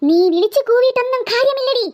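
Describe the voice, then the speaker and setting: A woman voicing a vengeful, bloodthirsty female ghost in a cartoon, drawling her threats slowly. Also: very high voice, expressive, a little mellow. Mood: menacing. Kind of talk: cartoon voice acting.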